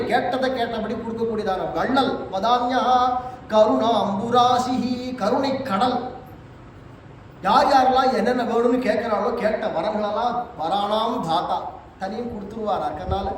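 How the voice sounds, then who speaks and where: A man giving a devotional religious discourse, telling stories and chanting verses in a drawn-out sing-song. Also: sits high. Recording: echoey hall, distant mic, faint noise.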